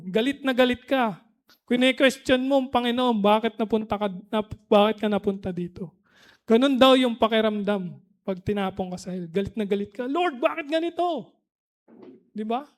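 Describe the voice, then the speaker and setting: High-voiced male pastor, chatty sermon. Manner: conversational preaching, frequent "di ba?" tag questions; switches between Tagalog and English mid-sentence.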